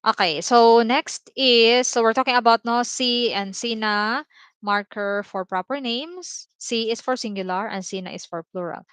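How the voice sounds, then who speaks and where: A woman with a Filipino accent teaching a language lesson on a livestream, explaining slowly with many repeated examples and tag words. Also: on the high side, fairly bright tone, smooth, no echo. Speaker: Tagalog teacher.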